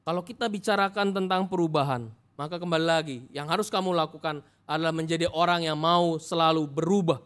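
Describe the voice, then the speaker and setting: A man, a pastor giving a humorous, animated sermon in a church. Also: on the high side, quick pace, clear, resonant tone.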